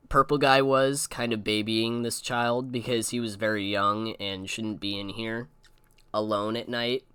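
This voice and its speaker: A man's voice: medium pitch, fairly bright tone, clean tone, no echo. A young man hosting a casual re-watch commentary, rambling through asides and fillers into a close mic. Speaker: host.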